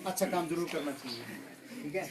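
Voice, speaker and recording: A man's voice: a little high, fairly quick. A man working as a kids party magician, playfully teasing children and asking them questions as he patters through a live show. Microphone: far from the mouth. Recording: distant mic, noisy with clicks and birds.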